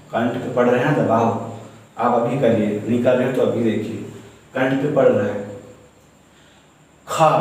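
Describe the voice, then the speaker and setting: A man's voice: medium pitch, a little mellow, far from the mic. A man teaching a grammar lesson, explaining step by step and often checking whether students have understood. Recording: very echoey room, voice from off-mic.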